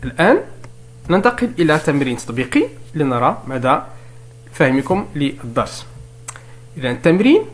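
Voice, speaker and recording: Man giving a careful, slow-explained lesson. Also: a little high, big pitch swings. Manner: explains step by step, asks and answers his own questions; slow careful dictation of French examples. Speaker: French teacher. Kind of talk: spelling lesson.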